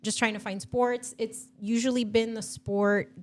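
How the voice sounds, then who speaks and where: A woman's voice: on the high side, little pitch movement, measured pace, slight background noise. A woman in her thirties from Argentina, chatting enthusiastically as a podcast guest with plenty of fillers. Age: 30s. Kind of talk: casual chat.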